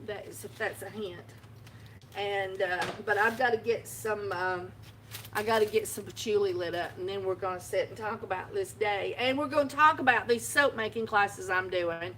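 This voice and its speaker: A woman at medium pitch and normal speed, her tone a bit bright, chats casually on a phone live stream from her shop. She laughs often while spinning a rambling story, and there's slight background noise.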